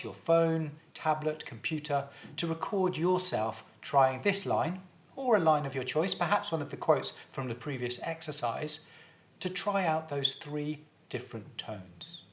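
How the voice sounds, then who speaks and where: A male drama teacher giving a video lesson, explaining things clearly and guiding students step by step. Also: on the high side, lively intonation, unhurried.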